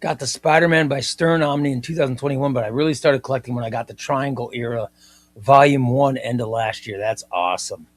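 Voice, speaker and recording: With a medium pitch and a slightly fast pace, a fifty-something man hosts a comic book livestream. He reads viewer comments in casual, enthusiastic chat, repeating himself often.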